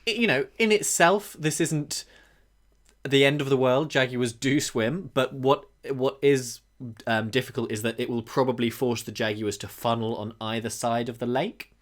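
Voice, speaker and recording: A man co-hosting a wildlife podcast, explaining things thoughtfully with frequent pauses and restarts. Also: medium pitch. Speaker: podcast co-host. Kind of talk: conversational podcast discussion.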